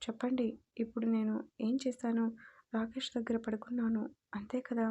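Brazen young wife, blunt and cheeky , as a woman narrator voices her, in a flat, husky storybook read. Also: on the high side, normal speed. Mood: defiant.

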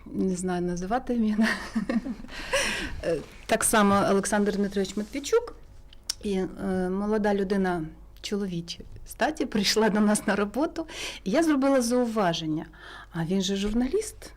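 A woman with a Ukrainian accent, a sound engineer chatting as a studio guest, telling stories with many pauses and fillers. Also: medium pitch. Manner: relaxed, storytelling, many hesitations. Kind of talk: casual studio interview.

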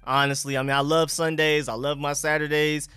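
Greeting viewers on his casual sports livestream, this young man talks a little fast in a fairly high, flat voice that sounds pushed, bright and smooth. The recording is dry, and a dental retainer slightly hampers his slangy, informal speech, which keeps circling back to greetings and catchphrases.

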